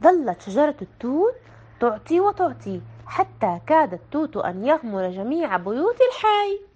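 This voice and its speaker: A woman reading a children's picture book aloud in an expressive, sing-song way. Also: high-pitched, moderate pace, dull audio. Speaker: storyteller.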